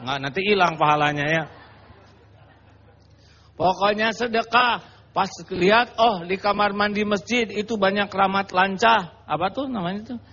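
A male preacher gives a sermon, telling jokes and acting out little scenes with quoted voices. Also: high-pitched. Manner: animated, joking storytelling with acted-out quotes. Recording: dull lo-fi recording.

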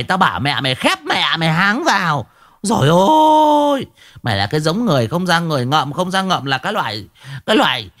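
A shrill, sharp-edged old village woman unleashing a relentless stream of insults, as a male narrator puts her on. Her voice leaps high and swings wildly between piercing scolding and sing-song lament, bright and cutting throughout. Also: full character voice. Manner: rapid-fire cursing tirade, wailing lament.

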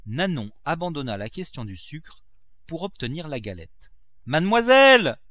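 A man reading a classic novel aloud in a measured, clear way. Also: medium pitch, very animated, no echo. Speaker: audiobook reader. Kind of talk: literary audiobook narration.

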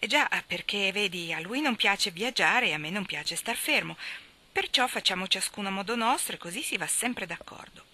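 A woman reading aloud and voicing a relaxed, easygoing young man who answers in a chatty way. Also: medium pitch, normal speed. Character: tall young man, easygoing, restless traveler.

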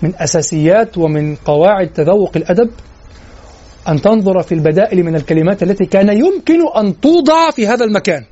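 A man's voice: sits high, animated, quick pace, warm tone. A male teacher giving a classroom lecture on classical poetry. He recites verses and then explains the words, asking his listeners rhetorical questions. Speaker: literature teacher. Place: lecture room in an institute. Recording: dull lo-fi lecture recording.

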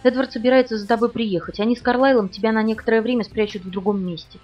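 Woman voicing a quick-talking young woman, steady and reassuring, dull distant sound, faint music. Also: a little high, natural voice. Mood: brisk reassurance.

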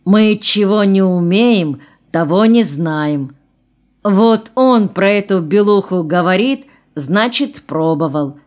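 A woman voicing a serious, stolid older workman in an audiobook, speaking slowly and earnestly. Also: mid-range voice, expressive, a little mellow. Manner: slow, measured, earnest.

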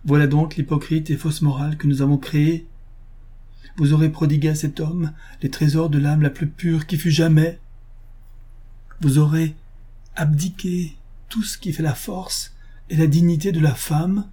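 A man's voice: medium pitch, steady tone, moderate pace, dark tone, slightly rough, lightly acted. A man voicing a loyal nobleman, a duke, speaking in an earnest, impassioned way. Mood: indignant.

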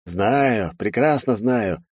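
A man's voice: mid-range voice, animated, takes it slowly, no echo, clean studio sound, pitched above the performer's own voice. A man voicing a sneering terrorist leader who mocks his hostages with theatrical politeness in a story reading. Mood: mocking. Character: gloating masked male terrorist leader.

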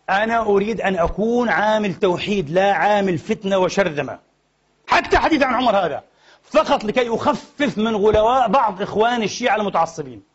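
A man's voice: sits high, husky. A man preaching a Friday sermon in a mosque, impassioned and slipping from formal into colloquial phrases. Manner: impassioned, rising to exclamations; mixes formal Arabic with colloquial Levantine phrases. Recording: dull lo-fi MP3 sermon recording.

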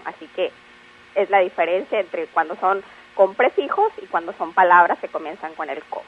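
A woman patiently explaining word usage on a radio language segment, spelling out examples slowly. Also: fairly low pitch, expressive. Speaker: language expert guest. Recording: phone-like radio line.

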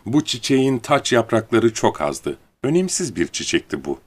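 A man narrating a storybook audiobook in a calm, even storytelling manner. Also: mid-range voice, moderate pace, breathy edge.

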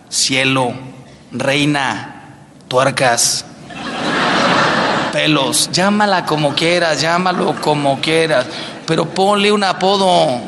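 A middle-aged Mexican man with a Mexican accent, a priest giving a playful, animated talk on marriage to a large audience. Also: on the high side, a little hiss or hum. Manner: animated, playful storyteller, acts out quotes. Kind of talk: lively talk on marriage with jokes. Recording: echoey hall with faint ambience.

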